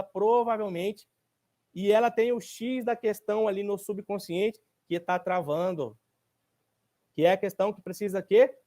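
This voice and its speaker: A man's voice: sits high, mellow. A man, a therapist giving a workshop talk to an audience. He speaks emphatically and colloquially, firing rhetorical questions, answering them himself and repeating his points for stress.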